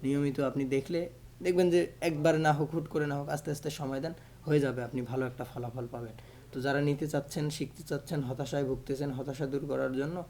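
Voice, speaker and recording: A man's voice: medium pitch, warm tone, slight background noise. A man giving a patient instrument lesson, counting the beats aloud over and over. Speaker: music teacher.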